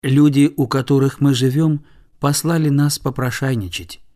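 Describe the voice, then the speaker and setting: A man voicing a poor little beggar girl in a storybook reading, pitched higher and pleading. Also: steady tone, moderate pace, dark tone, close to an everyday voice.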